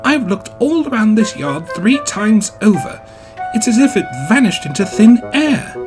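Man doing a bright young girl engine. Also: high voice, very animated, unhurried, voice pushed up. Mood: earnest. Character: proud young female steam engine. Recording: music bed behind.

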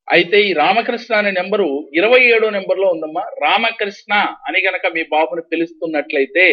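A man giving numerology readings and instructions to callers on a call-in TV show, in a steady, instructive way. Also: high-pitched. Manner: steady, instructive, repeats schedules and numbers. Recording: dull lo-fi TV broadcast audio.

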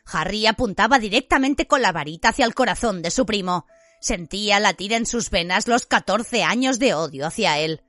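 A woman with a mid-range voice narrates an audiobook in an expressive storytelling style at a moderate pace. There's no echo.

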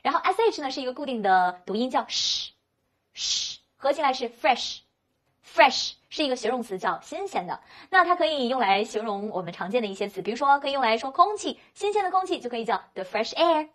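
A woman's voice: high voice, sing-song, fairly bright tone. Woman teaching English vocabulary. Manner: slow, drawn-out model pronunciations of English words; rhetorical questions to the learner, then answers them. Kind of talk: vocabulary lesson explaining words and pronunciation.

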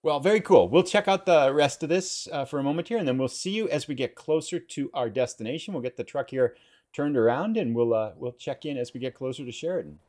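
A man's voice: medium pitch, fairly quick. A man hosting a let's play, talking casually and thinking aloud as he drives through the game. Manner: relaxed, chatty, thinking aloud while driving. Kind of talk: casual gameplay commentary.

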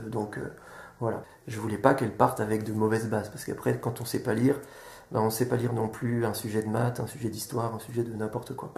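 A man calmly explaining to viewers how children learn to read, sounding out syllables one by one. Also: medium pitch, gravelly. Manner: patient, sounds out syllables step by step. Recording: echoey room.

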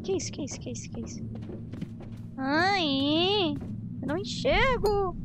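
Very high-pitched, excitable Brazilian woman streamer. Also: loud music behind the voice. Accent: Brazilian Portuguese. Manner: excitable, dramatic, repeats words in rapid bursts. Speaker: streamer playing a horror game. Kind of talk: live gaming commentary, casual chat.

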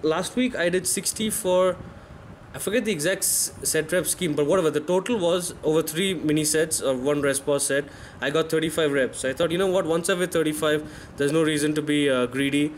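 Fairly quick and a bit high-voiced, a fitness vlogger in his thirties comments openly on his own exercise footage and corrects himself along the way. The voice-over wasn't recorded in the gym shown, and slight background noise is present.

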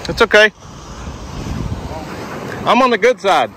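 A man in his thirties jokes and banters as he vlogs with a handheld camera. His voice sits a little high. Outdoor noise from the water and beach is plain behind him. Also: lively intonation, slow pace. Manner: joking, upbeat banter. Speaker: family vlogger. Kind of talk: casual vlog chat.

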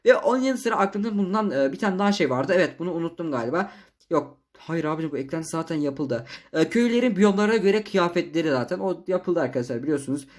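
A man giving casual, chatty gameplay commentary as a gaming YouTuber, excitable and slangy. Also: on the high side, quick pace.

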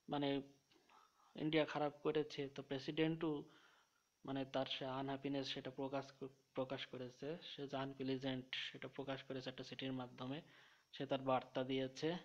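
A man teaching English vocabulary through memory tricks, listing synonyms one by one in a methodical way and slowing down to read example sentences. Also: medium pitch. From Bangladesh. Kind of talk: explaining English vocabulary with mnemonics. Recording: dull lo-fi recording.

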